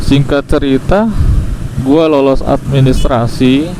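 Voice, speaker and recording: A young man telling a personal story for a motovlog in a casual, halting way. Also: medium pitch, steady tone. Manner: halting, pausing mid-sentence. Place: outdoors, riding a motorcycle on the road. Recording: loud motorcycle and traffic noise outdoors. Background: motorcycle engine, passing vehicles.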